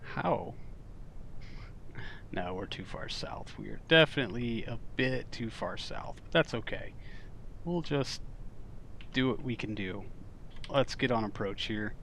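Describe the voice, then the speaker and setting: A man streaming a game, talking casually and reacting loudly when things go wrong. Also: on the low side, animated, measured pace, vocal fry, pauses often, a little hiss or hum. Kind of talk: live game commentary.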